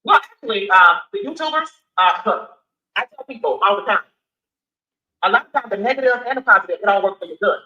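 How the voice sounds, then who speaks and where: A woman's voice: medium pitch, expressive, a little fast, sharp tone, reverberant, lo-fi sound. A woman in her sixties, a candidate answering interview questions in an emphatic, repetitive, defensive way. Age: 60s. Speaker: city council candidate.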